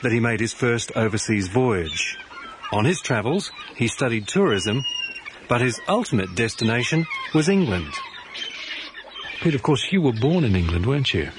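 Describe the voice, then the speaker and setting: A man narrating a radio documentary in a measured, even way and putting questions to the guest. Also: medium pitch, background noise. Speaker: narrator and interviewer.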